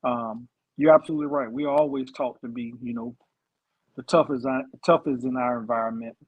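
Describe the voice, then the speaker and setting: A man co-hosting a live online talk show, speaking in a relaxed, playful way. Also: medium pitch, normal speed, husky, phone-quality sound. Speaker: co-host. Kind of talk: casual live-stream talk.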